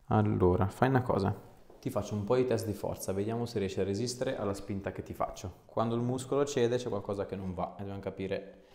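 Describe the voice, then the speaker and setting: A man in his thirties, a chiropractor and osteopath, talks a little fast in a low, gravelly, slightly mellow voice. During a treatment he gives short, informal directive phrases and chats casually, in a small indoor clinic room that sounds echoey.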